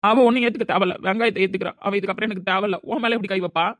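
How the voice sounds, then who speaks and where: Casting: a man as a bitter young lover, rapid shouted rebukes, slightly high voice. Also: natural voice. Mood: indignant. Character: angry young man hurt in love.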